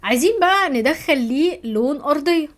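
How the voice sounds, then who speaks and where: An Egyptian woman teaching a software course over a screen recording, chatty, often checking in with her viewers. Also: high-pitched, lively intonation, fast. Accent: Egyptian Arabic. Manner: chatty, keeps asking "تمام؟", thinks aloud while clicking.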